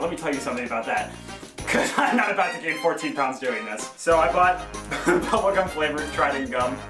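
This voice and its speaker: An eighteen-year-old speaking bluntly, complaining with a laugh in the voice. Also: mid-range voice. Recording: echoey room, distant mic. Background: background music.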